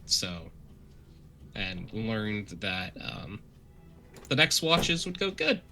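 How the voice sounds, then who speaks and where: A man's voice: fairly low pitch, big pitch swings, extremely slow, vocal fry, bright, forceful tone, faint music behind. A man giving a rambling, casual recap of a tabletop game session, with many fillers.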